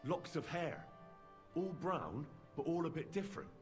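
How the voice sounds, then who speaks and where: An actor playing an assured, persuasive investigator laying plans in conversational video game dialogue. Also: male voice, a little high, very animated, normal speed, faint music behind. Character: confident, reassuring investigator laying out a trap.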